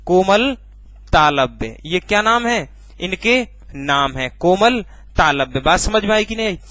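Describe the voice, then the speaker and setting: High-voiced male teacher, drilling question-and-answer. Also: expressive, pushed and bright, no room sound. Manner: asks questions and answers them himself; repeats key words slowly to drill them. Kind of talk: recorded classroom lesson.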